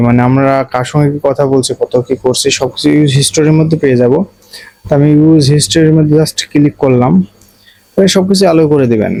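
A man with a Bangladeshi accent narrates a casual, step-by-step phone tutorial, talking straight to viewers and explaining things repetitively. His voice is on the high side and warm. The recording is dry and rough.

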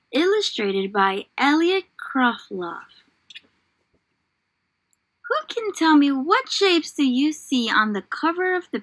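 Recorded in low quality, a young woman with a high, fairly bright voice gives a lesson and read-aloud to small children. The setting is a small indoor room, and her style is encouraging, exaggerated, child-directed, and full of questions.

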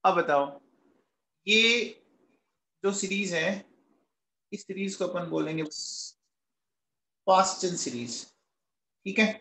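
High-voiced chemistry teacher, slow and coaxing. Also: male voice, bright, forceful tone, reverberant, low-quality recording. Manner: coaxing, asks students questions and answers them himself; calls students "beta" and "bachche" affectionately. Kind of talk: classroom lecture.

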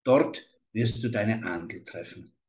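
A man's voice: on the low side, takes it slowly, darkish tone. A poor old woodcutter on his deathbed gives his last words, weak and solemn and fading, as a male storyteller plays him. It is a storybook reading.

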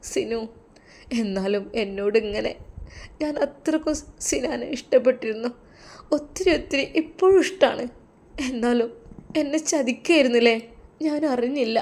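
A woman voicing a heartbroken young wife in a storybook tale, pleading and softly sobbing, with a Malappuram Malayalam accent. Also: on the high side, moderate pace, creaky, long pauses.

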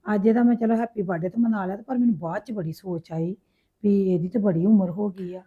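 A woman's voice: medium pitch, a little fast, husky, lightly acted. A middle-aged woman playing a worried widowed mother who soothes her grown daughters. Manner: soothing, fretful. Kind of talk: web drama acting. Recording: tinny phone-like sound.

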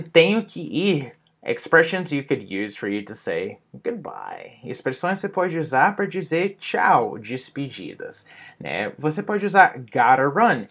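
A man's voice: medium pitch, a bit bright. A man teaching an English phrase lesson, saying each phrase and then repeating and translating it. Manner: repeats each phrase slowly in two languages; stresses intonation of example phrases. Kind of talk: bilingual language lesson.

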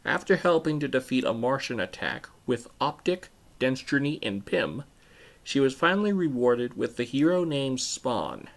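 A man hosting his own channel, reading an original story aloud in a plain, steady way and ending with a casual sign-off. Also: medium pitch. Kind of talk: amateur story narration.

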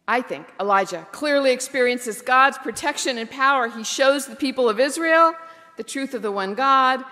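A woman pastor preaching a sermon in a reflective, candid way, slowing down for emphasis. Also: high-pitched, lively intonation, pushed and bright, long reverb tail. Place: church.

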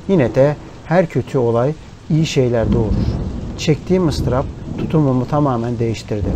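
A man reading a story aloud in a measured, somber storytelling manner. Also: mid-range voice, noisy background. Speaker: narrator. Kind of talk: scripted audiobook narration. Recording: rain and thunder behind the voice. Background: rain and thunderstorm ambience.

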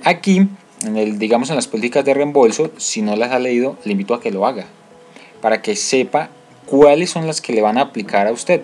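A man's voice: medium pitch, darkish tone. Colombian man walking through a tutorial. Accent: Colombian Spanish. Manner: explanatory, many fillers and restarts. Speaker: tutorial host. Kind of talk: screen-recorded tutorial walkthrough.

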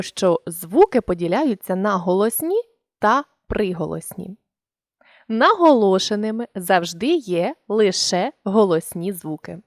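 A woman narrating a scripted language lesson, sounding out example words slowly and deliberately. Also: medium pitch, no echo, clean studio sound.

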